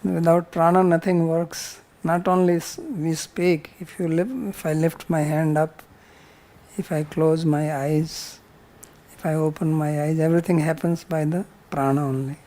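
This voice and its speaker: A man with an Indian accent teaches a scripture class, explaining patiently with simple examples and repeating his points. His voice is fairly high and mellow, with a flat delivery and a measured pace. He speaks as a spiritual teacher.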